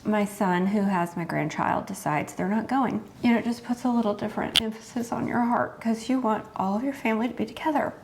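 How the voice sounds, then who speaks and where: A woman's voice: a little high, brisk, creaky, hardly any pauses, background noise. A middle-aged woman hosting her home cooking channel, chatting earnestly and heartfelt to her viewers. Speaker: host. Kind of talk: casual chat to camera.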